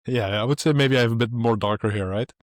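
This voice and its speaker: A man's voice: medium pitch, quick pace, no room sound, studio quality. A man co-hosting a casual tech podcast, explaining things loosely with lots of fillers. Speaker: podcast co-host.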